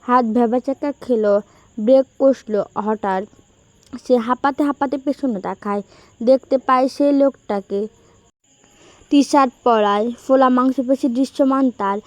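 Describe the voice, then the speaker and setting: Brief: female storyteller, scripted romance narration, fairly high, steady voice. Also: a little slow, no room sound.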